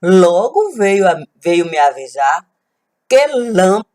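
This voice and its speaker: A woman performing a dramatic spoken-word story, theatrical, swinging between loud exclamations and hushed asides. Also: on the low side, sing-song, slow. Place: indoors, recorded on a webcam.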